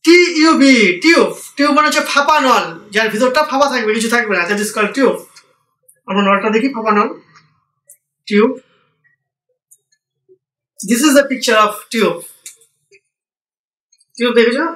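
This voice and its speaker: A man's voice: extremely high pitch, measured pace, long pauses, sharp tone. A man from India teaching English vocabulary, spelling each word out letter by letter and explaining it patiently. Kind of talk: vocabulary lesson for learners. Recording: echoey room, voice from a distance.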